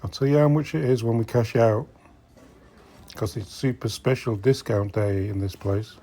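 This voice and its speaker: A middle-aged vlog host focused on vintage collecting chats casually with viewers as he browses a secondhand shop, now and then muttering to himself. He speaks at a moderate pace in a warm, medium-pitched voice.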